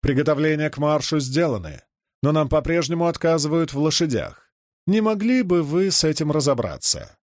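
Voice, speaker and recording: A man's voice: a little high, sing-song, normal speed, darkish tone, dry recording, studio quality. A man voicing a haughty ceremonious noblewoman. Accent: strong foreign-sounding accent, as the figure. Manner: formal, ceremonious, demanding. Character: haughty proud young noblewoman, stiff and ceremonious.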